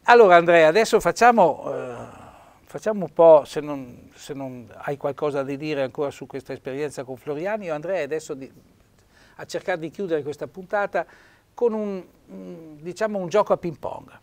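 A man with a Trentino accent, hosting a dialect lesson and slowly explaining words and repeating them. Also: a little high. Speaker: host teaching Trentino dialect. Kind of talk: teaching dialect words on a TV show.

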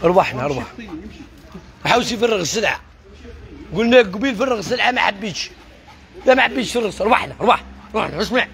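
An Algerian man selling wares on a live stream from his shop, hawking in rapid repetitive calls. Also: high-pitched, lively intonation, vocal fry, fairly bright tone. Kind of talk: live sales pitch.

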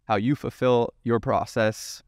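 A man's voice: medium pitch, fairly even intonation, a little slow, clean tone, no echo, studio quality. A man hosting a casual interview, asking questions in a laid-back, joking way. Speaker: podcast host.

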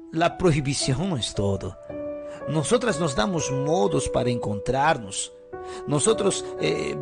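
Male storyteller, high gravelly voice, hesitant and full of fillers, faint music under. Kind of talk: first-person story narration.

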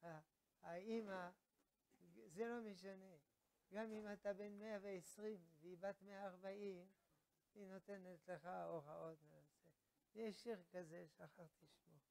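High-voiced man, a rabbi teaching. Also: fairly even intonation, vocal fry, darkish tone, poor audio. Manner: acts out little scenes, conversational. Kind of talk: humorous religious lesson.

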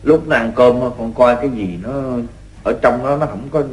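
A man's voice: medium pitch, moderate pace, natural voice. An actor playing a fussy, kind-hearted middle-aged rural father in an old-style radio drama, with a Southern Vietnamese accent and a folksy, exclamatory way of ordering people about. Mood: gently instructing. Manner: folksy, exclamatory, repeats himself when giving orders. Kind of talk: radio drama acting in the manner of an old radio show. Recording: roomy echo with music.

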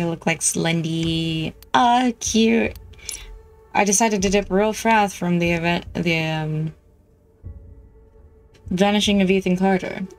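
A woman's voice: mid-range voice, poor audio. A woman streamer giving casual, wry commentary as she plays a game, talking to herself. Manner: chatty, wry, talks to herself. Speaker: gameplay streamer. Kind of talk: casual let's-play commentary.

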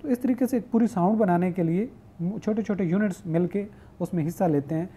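Guy teaching an online class, very mellow dark tone, reads definitions slow then explains, answers his own questions. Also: high voice, slightly rough. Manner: reads English definitions slowly, then explains them at length; asks questions and answers them himself. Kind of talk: online lecture.

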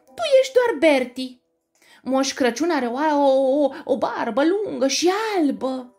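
A woman voicing a crowd of squeaky little forest mice, shrill, excited and cheeky, in a storybook reading. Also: creaky, faint music behind, heavily acted. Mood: mocking.

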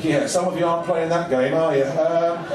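A man's voice: a little high, steady tone, moderate pace, a crowd in the background. Echoey, far-off male show host on stage. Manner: upbeat showman delivery. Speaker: master of ceremonies for a cruise ship show. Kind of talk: stage announcing and banter to a live audience. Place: large indoor ship theatre. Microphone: handheld stage mic, heard from camera in audience. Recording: distant echoey theatre PA, noisy.

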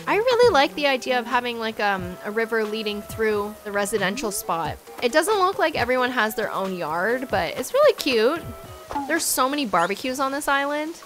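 Bubbly high-voiced young woman touring. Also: sing-song, normal speed. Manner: bubbly, gushing, frequent "like" fillers. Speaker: game island tour vlogger. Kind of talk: casual touring commentary. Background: faint game music.

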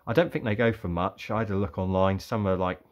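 A man's voice: low-pitched, steady tone, fast talker. A young man chatting casually about his bargain finds, rambling and thinking aloud. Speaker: vlogger reviewing car boot sale finds. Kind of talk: casual show-and-tell.

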